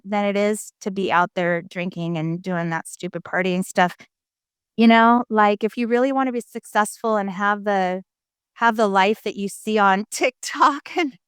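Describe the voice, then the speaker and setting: An animated woman speaking candidly as an interview guest about her own life. Her slightly high voice is smooth and resonant, recorded close and dry with almost no room sound. She talks emphatically, with big pitch swings and casual fillers. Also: no room sound. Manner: conversational, with frequent fillers. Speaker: guest sharing her recovery story. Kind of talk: candid personal storytelling.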